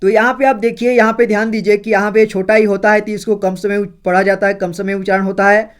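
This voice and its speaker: A man's voice: high voice, flat delivery, smooth. A man teaching Hindi syllables, explaining patiently and reciting them one by one, checking in with listeners as he goes. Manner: slow, repetitive, often adds "theek hai" and calls viewers friends.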